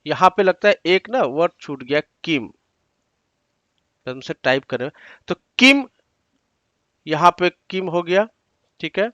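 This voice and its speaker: Male teacher, higher pitch, dry close sound; slows down for each example sentence, explains word by word. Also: lively intonation, a bit bright, dry recording, highs cut off. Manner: explains word by word, repeats often. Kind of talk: online exam-prep lesson.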